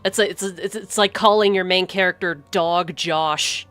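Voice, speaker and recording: A woman's voice: on the low side, fairly even intonation, normal speed, a bit bright, faint music behind. A woman streaming a video game, chatting casually and cracking sarcastic jokes. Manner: sarcastic, joking. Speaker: gaming streamer. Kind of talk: casual chat over gameplay.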